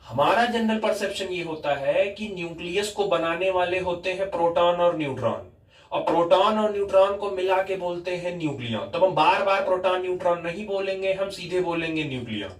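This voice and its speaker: A man's voice: high voice, lively intonation, fairly quick. A male physics teacher lecturing a class, explaining step by step and repeatedly quizzing his students. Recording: echoey classroom, mic far off.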